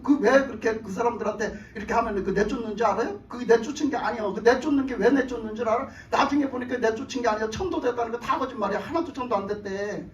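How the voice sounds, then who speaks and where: A man's voice: very high voice, dull audio. A man pastor preaching a sermon, telling stories animatedly and firing off rhetorical questions to his congregation in a church. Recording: echoey church from far off.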